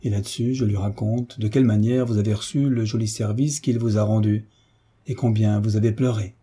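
A man's voice: lowish voice, steady tone, fairly quick, warm tone, breathy edge. A man voicing a fussy, talkative middle-aged male landlord who speaks emphatically, in a folksy way, for an audiobook. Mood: chatty.

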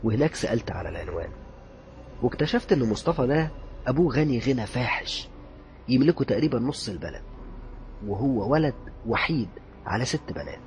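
A man with an Egyptian accent narrating a horror story in a dramatic way, dropping to a hush at tense moments. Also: medium pitch, muffled recording. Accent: Egyptian Arabic.

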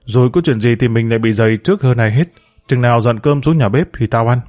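A man voicing a bitter young woman, a student daughter, in a spoken storybook, blunt and quick. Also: mid-range voice, darkish tone, close to an everyday voice.

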